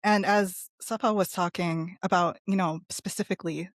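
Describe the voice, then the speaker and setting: A woman's voice: lowish voice, fairly even intonation, moderate pace, dry recording, studio quality. A woman speaking in a casual podcast discussion, earnest, with many restarts and fillers. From Palestinian family. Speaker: podcast guest panelist.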